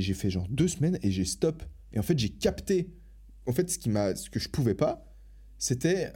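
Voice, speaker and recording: A man's voice: medium pitch, mellow. A young man hosting a podcast alone, talking casually with slang and lots of enthusiasm. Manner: fast, enthusiastic, slangy and self-interrupting. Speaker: podcast host. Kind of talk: casual solo podcast talk.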